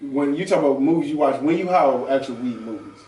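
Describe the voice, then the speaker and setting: This man hosts a casual talk show, trading slangy banter full of swearing. His medium-pitched voice is mellow and expressive, moving fairly quickly. The mic is distant, and the room echoes noticeably.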